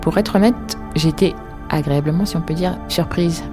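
A woman's voice: sits low, moderate pace, music in the background. A woman in her forties from Paris, an archaeologist guiding visitors and talking with frequent hesitations. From Paris, France. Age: 40s. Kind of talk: guided tour interview.

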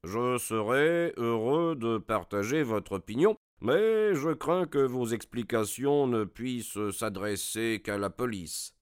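A calm, self-assured detective speaks with quiet authority, as a male narrator puts him on. His voice sits higher than the reader's own and takes on a distinct timbre. The delivery stays dry and close, as in a storybook reading. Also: slow pace, hardly any pauses, smooth, no echo.

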